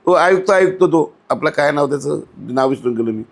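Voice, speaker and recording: This man's fairly high, creaky voice moves briskly with lively intonation. As an outspoken guest in a conversational podcast interview on local civic issues, he scolds bluntly and indignantly, asking many rhetorical questions.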